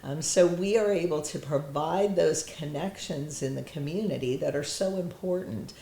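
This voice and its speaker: A woman's voice: low voice, normal speed, vocal fry, warm tone. A woman on a mental health program's staff speaking earnestly and measuredly in an interview. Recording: echoey room.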